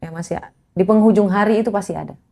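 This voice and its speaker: A woman speaking as a podcast guest in a casual religious motivational talk, animated and preachy, often addressing the host directly. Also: mid-range voice, quick pace, gravelly.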